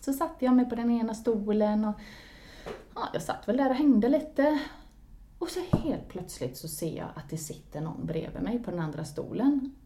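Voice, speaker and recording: A woman in casual spoken storytelling who laughs often and swings into lively exclamations. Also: fairly high pitch, slight background noise. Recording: roomy echo.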